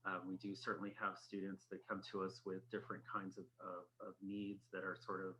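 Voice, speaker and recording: A man giving a school administrator's report in an online meeting over a headset microphone, his audio cutting in and out as he talks in halting, restarting phrases. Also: low-pitched, completely flat delivery, bright, forceful tone, rough recording. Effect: audio cutting in and out with dropouts. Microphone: headset microphone on a computer call.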